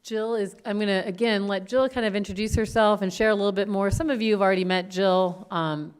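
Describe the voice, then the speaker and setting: A woman's voice: medium pitch, fairly even intonation, brisk, clean tone. A woman on city parks staff, presenting at a public meeting in a casual, chatty way and often restarting sentences. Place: city council meeting room.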